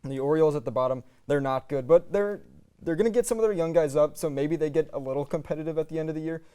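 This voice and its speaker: Speaking fast with a warm, clean tone, this American man in his twenties sits on the high side in pitch. He works as a student sports reporter and play-by-play announcer, covering highlights and live action.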